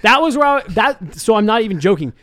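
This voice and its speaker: High-voiced man talking hockey, dry sound. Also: big pitch swings, fast talker, sharp tone, no echo. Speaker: sports talk show co-host. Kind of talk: casual sports chat.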